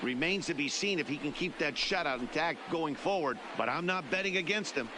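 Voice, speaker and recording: A man's voice: a little high, animated, brisk. A man giving analytical colour commentary on a baseball video game. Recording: loud stadium background noise.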